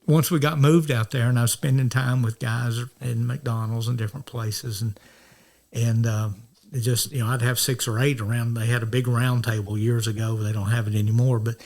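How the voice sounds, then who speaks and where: A man's voice: mid-range voice, steady tone, moderate pace, vocal fry, darkish tone. Rambling man telling stories. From North Georgia. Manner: rambling, restarts often, acts out quoted dialogue. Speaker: minister, interview guest. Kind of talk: casual storytelling.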